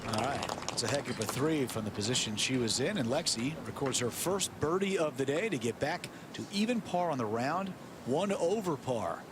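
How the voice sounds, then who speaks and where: A man's voice: medium pitch, animated, moderate pace. A man hosting golf coverage as a commentator, setting scenes and handing over to colleagues. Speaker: golf commentator, broadcast host. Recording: loud outdoor ambient noise behind the voice.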